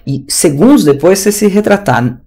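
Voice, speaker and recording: A man's voice: sits high, animated, moderate pace, creaky, warm tone. A man with a Brazilian Portuguese accent teaching an online English class in a chatty, slangy, ranting way over a video call.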